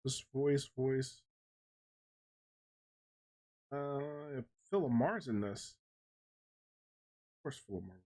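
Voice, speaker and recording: A man's voice: medium pitch, expressive, a little slow, mellow. A male game streamer giving casual commentary, muttering asides and reading on-screen text aloud.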